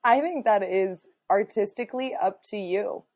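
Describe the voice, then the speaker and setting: A woman's voice: medium pitch, normal speed, a little mellow, dry recording. A woman co-hosting a podcast in casual, playful, teasing chat. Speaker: podcast co-host.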